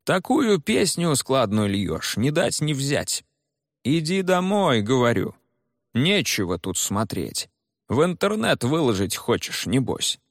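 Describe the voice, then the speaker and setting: A man's voice: mid-range voice, very animated, slow, no room sound, clean studio sound, pitched above the performer's own voice, exaggerated voice. A man voicing a rude, suspicious middle-aged police officer who barks his words. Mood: gruff. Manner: gruff, barking.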